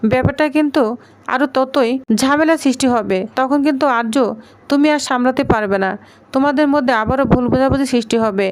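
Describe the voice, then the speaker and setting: A woman's voice: high voice, fairly quick, close to an everyday voice. A woman reading the lines of a stern mother who scolds and instructs her family. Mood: firm. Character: stern mother of grown sons.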